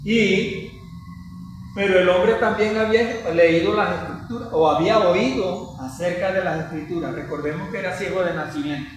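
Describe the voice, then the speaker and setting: Speaking at normal speed in a high voice, a man leads a conversational Bible study where he narrates scripture as a story and often turns to his co-host to check in. The sound is echoey and distant, with some faint noise.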